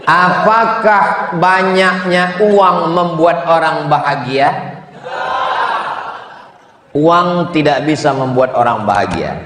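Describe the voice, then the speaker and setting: A man's voice: fairly high pitch, slow, long pauses, crowd noise. A man preaching a humorous sermon to a live audience, telling jokes and acting out little dialogues. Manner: joking storytelling, acts out dialogues. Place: large hall. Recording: echoey hall with background noise.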